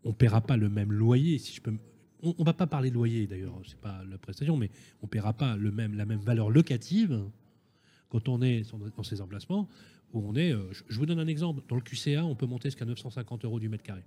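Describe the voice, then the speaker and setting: A man takes part in a panel discussion as a questioner. His voice is mellow and somewhat raspy. He is direct and insistent, often rewording himself as he goes. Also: medium pitch, lively intonation, brisk.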